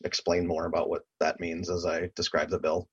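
A man's voice: low voice, completely flat delivery, normal speed, slightly rough, dry recording. An American man speaking as a legislator, giving a formal explanation on a remote meeting call. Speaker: legislator presenting a bill. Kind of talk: prepared formal testimony with informal asides. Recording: muffled lo-fi remote meeting audio.

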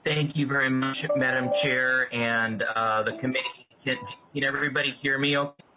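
A man's voice: medium pitch, fairly even intonation, normal speed, dull audio, music in the background. A man giving polite, formal testimony to a committee over a remote call, his voice crackly and fuzzy as the connection breaks in and out. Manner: polite, keeps checking he can be heard. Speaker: testifier at a legislative committee hearing. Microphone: computer on a remote video call, camera off.

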